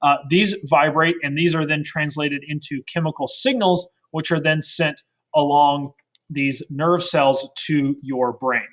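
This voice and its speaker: A man's voice: fairly high pitch, steady tone, measured pace, fairly bright tone. Casual man teaching a science lesson. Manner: casual, keeps adding "right?" to check in; fillers and self-corrections.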